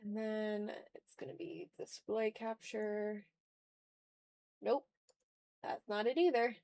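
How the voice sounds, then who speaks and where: This woman speaks slowly in a mid-range, slightly mellow voice while drawing on an art livestream. She's casual and meandering, swears some, puts herself down jokingly, and reads comments from viewers; there's a little background noise.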